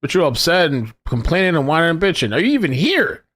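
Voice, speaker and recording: A young man hosting a casual livestream, mocking commenters in a profane, animated rant. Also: a little high, quick pace. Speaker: livestream host.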